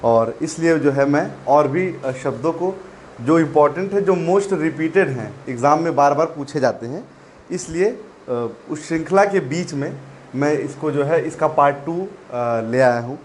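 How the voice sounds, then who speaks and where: A man teaching a spelling lesson to exam students, repeating each word slowly and calling his listeners "children". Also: fairly high pitch, slight background noise. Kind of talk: classroom-style spelling lesson.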